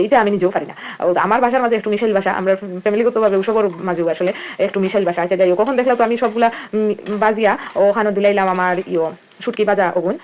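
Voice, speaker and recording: Fast-talking woman with a Sylheti accent. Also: mid-range voice, darkish tone. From Sylhet, Bangladesh. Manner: chatty, explains each step as she cooks. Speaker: cooking vlogger. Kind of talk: casual cooking narration.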